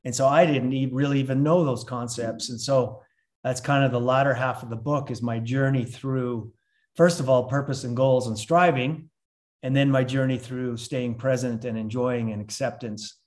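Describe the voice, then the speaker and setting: An older man from Canada, a retired consultant turned coach, talking reflectively in a relaxed interview with many "uh"s and restarts. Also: mid-range voice, moderate pace. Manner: reflective, with frequent fillers and restarts. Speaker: podcast guest, coach. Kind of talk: casual interview chat.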